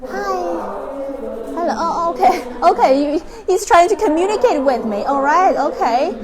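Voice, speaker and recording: A woman with a high voice gives casual live-stream commentary while touring a horse stable. She chats in an excitable way and coos at the animals. Loud background noise from the stable runs under her voice throughout. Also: normal speed.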